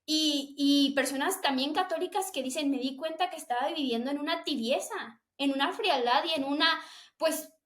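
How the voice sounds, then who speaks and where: A young woman tells her personal story of faith with fervent, emotional earnestness. Her voice sits high. The room around her is echoey. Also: moderate pace, a bit bright. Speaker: guest sharing testimony.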